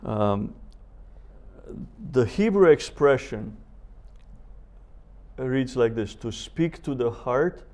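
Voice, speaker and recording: Leading a Bible seminar, the male professor quotes scripture, asks rhetorical questions and leaves deliberate pauses in his measured delivery. His voice is mid-range and a little mellow, with lively intonation.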